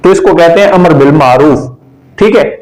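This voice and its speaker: A man with a somewhat high voice teaches a religion lesson to students gathered in a room. He is patient and says each key term slowly. He often stops to check that the class understands. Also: a little mellow, poor audio.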